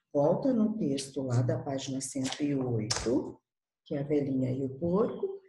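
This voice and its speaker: A woman's voice: low-pitched, warm tone, a little hiss or hum. A Brazilian woman teaching young children in Portuguese, patiently explaining step by step and checking in with them often. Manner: patient, coaxing, uses small diminutives and checks in often. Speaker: primary school teacher. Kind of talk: recorded class for young children. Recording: echoey room.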